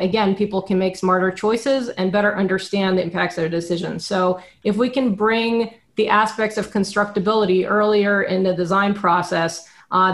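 Measured woman product manager on a video call. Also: mid-range voice, vocal fry. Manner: explains points in an orderly, measured way. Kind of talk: panel discussion on a video call. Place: dim home room indoors. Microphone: webcam on a video call.

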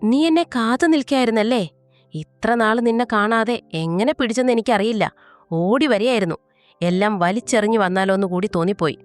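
A woman's voice: fairly high pitch, moderate pace, soft background music, natural voice. A woman voicing a playful, doting young husband who teases his wife. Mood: teasing. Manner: playful, teasing.

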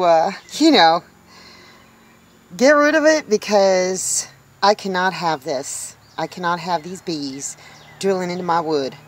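A woman in her fifties talking casually to a handheld camera about her garden, upbeat and chatty. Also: mid-range voice. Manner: chatty, upbeat, exclaims at small discoveries. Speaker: homesteading vlogger. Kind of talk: casual outdoor vlog. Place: outdoors in a rural yard by a tiny house.

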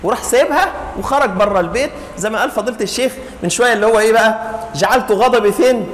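A man's voice: high-pitched, animated, racing, a bit bright. A middle-aged man with an Egyptian Arabic accent teaching like a wise mentor, giving advice with humour and acted-out examples in a public lecture. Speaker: family-studies teacher giving a religious lesson. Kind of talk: animated public lecture in colloquial speech. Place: indoor hall, speaking to an audience. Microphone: clip-on lapel microphone. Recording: echoey hall with faint noise.

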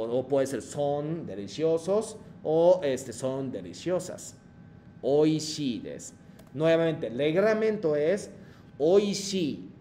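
With a mid-range, mellow voice and slight background noise, a man leads an online class teaching Japanese through Spanish. He is patient, sprinkles Japanese phrases into his Spanish and checks in with learners frequently.

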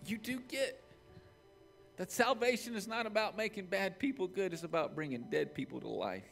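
A pastor in his forties delivers a sermon from a church stage, his impassioned voice swinging from shouted points to hushed, quiet prayer. His voice sits high and sounds expressive and creaky, moving at a moderate pace. Soft music plays in the background.

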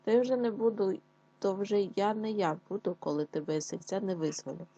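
A woman's voice: mid-range voice, steady tone, brisk, dark tone, dull audio, natural voice. A woman voicing a sly, chatty female fox in a children's tale. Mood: cheerful, boastful.

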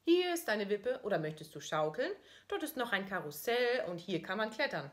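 In this storybook reading, a woman putting on a mother's voice gives a chirpy, coaxing tone, clearly higher than her narrating voice. The mother urges her little boy along in an upbeat, encouraging way. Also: very animated, moderate pace, natural voice. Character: cheerful adult woman coaxing her young son.

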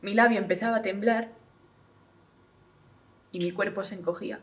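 A young actress playing a young woman who feels nothing, speaking in a quiet, detached monologue. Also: mid-range voice, steady tone, normal speed, lightly acted. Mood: wry, reflective. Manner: quiet, hushed and detached delivery. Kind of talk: theatrical monologue. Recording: voice from a distant mic.

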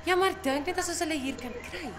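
An actress playing an eager young advertising executive with a South African Afrikaans accent, pitching in a meeting. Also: female voice, racing, close to an everyday voice. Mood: eager, persuasive. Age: young adult. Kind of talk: screen comedy-drama dialogue. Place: office boardroom.

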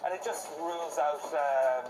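A man, talking casually and haltingly in an interview. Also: fairly high pitch, music in the background. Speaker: pedal bike tour operator being interviewed. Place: outdoors on a moving pedal bike in town streets. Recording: roomy, distant mic, loud traffic noise. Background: street and vehicle noise.

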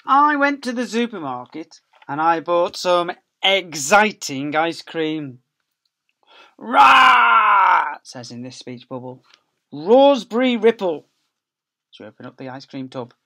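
Reading a picture book to young children, a middle-aged male school teacher playfully elongates key words and throws in sound effects. His voice is high-pitched, very animated and forceful, bright in tone, and he speaks slowly with long pauses. It's recorded on a laptop webcam at close range in a small office.

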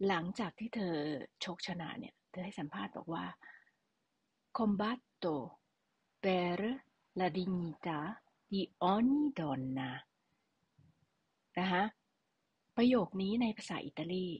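A woman's voice: mid-range voice, brisk, husky, dry recording, muffled recording. A woman teaching a language lesson, patiently explaining and repeating key words for her students.

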